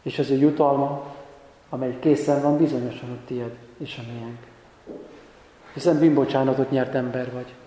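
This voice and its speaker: A man preaching a sermon as pastor, alternating impassioned emphatic exhortation with calm, quiet passages. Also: medium pitch. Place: church. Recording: very echoey church hall.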